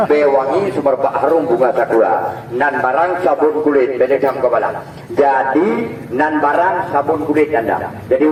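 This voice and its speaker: A man with an Acehnese accent gives a joking, bantering sales pitch as a street medicine seller outdoors. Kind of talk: comic open-air sales pitch. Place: outdoors in a town square. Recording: distant, echoey, noisy outdoor recording.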